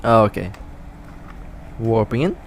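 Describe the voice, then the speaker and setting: A man with a gravelly, creaky voice gives loose live commentary over a space game. He has the hiccups, and his chatty narration keeps catching and restarting mid-word. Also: on the low side, expressive, takes it slowly, slight background noise. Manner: casual, chatty, self-correcting. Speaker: mobile space game player.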